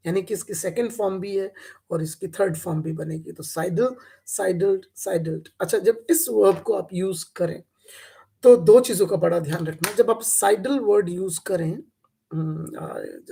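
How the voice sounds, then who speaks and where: A man teaching a live online English class, explaining slowly in Hindi mixed with English, with many hesitant fillers. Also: high voice, creaky, mellow, breathy edge, rough recording.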